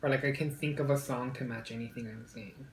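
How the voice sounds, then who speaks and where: Echoey casual eater chatting while chewing, medium pitch. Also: fairly even intonation, fast talker, slight background noise. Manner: chewing and eating while talking; playful, breaks into song. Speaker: mukbang vlogger. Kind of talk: casual chat to viewers while eating.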